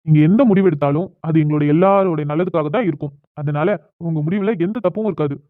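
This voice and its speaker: A woman's voice: low-pitched, quick pace, close to an everyday voice. A woman voicing a stubborn young husband and grandson in a cartoon drama, protesting insistently. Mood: puzzled. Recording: dull lo-fi.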